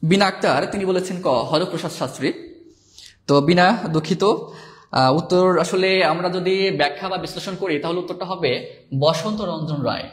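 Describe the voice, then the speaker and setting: A male teacher giving a live exam-prep lesson, reading out viewers' comments and spelling words slowly. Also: high-pitched. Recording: echoey room.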